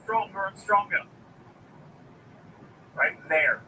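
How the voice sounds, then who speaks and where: A man's voice: sits high, animated, slow. A man giving live motorsport commentary for television with analytical, emphatic phrasing. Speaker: race commentator. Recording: loud race-car noise behind. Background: race engines.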